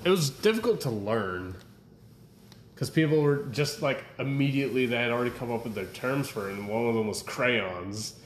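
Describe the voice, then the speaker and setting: A young man chatting casually as a podcast co-host, rambling through stories and laughing often. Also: mid-range voice. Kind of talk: casual chat. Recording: echoey room with faint ambient noise.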